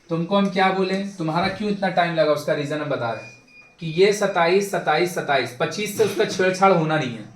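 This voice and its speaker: High-voiced young male teacher, echoey classroom. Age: young adult. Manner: brisk and insistent, repeats himself, prods students. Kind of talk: classroom maths lecture. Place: classroom with a board.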